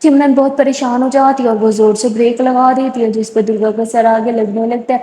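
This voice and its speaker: Woman storyteller, chatty casual retelling; high voice, echoey room. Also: fairly even intonation, dark tone. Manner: chatty, filler-heavy retelling. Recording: roomy echo.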